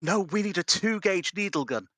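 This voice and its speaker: Man, tabletop player, pushy, bright forceful voice, slightly high, dry. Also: animated, normal speed, no echo. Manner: wheedling, pushy with the rules. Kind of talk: casual game banter.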